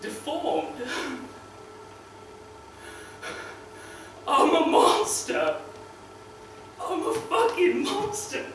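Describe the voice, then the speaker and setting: An actor playing a crude, cocky crocodile wrestler who loses his arm and grieves, talking in a foul-mouthed way that swings from swagger to shouted despair. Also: high-pitched, lively intonation, unhurried, noisy background. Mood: anguished. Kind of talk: dramatic monologue. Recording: very echoey room, mic far off, faint ambience.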